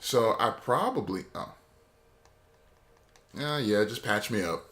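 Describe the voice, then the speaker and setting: A man's voice: fairly low pitch, expressive, slow, fairly bright tone. A man giving rambling, opinionated and jokey gameplay commentary as a let's play host.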